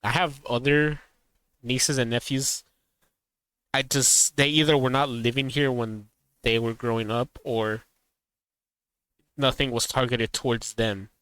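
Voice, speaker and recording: A man in casual live-stream chat, reacting to a video. His voice is smooth and resonant, recorded dry and close with no room echo. He rambles, laughs easily and drives his warnings home with emphasis. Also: medium pitch, fairly even intonation, unhurried, long pauses, a bit bright.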